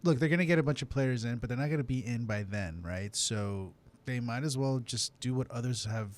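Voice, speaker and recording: A man's voice: medium pitch, a little fast. A man co-hosting a soccer radio show, thinking aloud hesitantly with fillers in casual chat.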